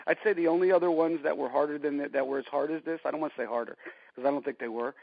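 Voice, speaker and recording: A man's voice: fairly high pitch, fairly even intonation, rapid-fire, gravelly, no room sound. A man in his forties, a guest telling stories in a casual interview and filling his talk with "you know". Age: 40s. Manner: rambling storyteller, many "you know" fillers. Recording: dry, dull lo-fi line.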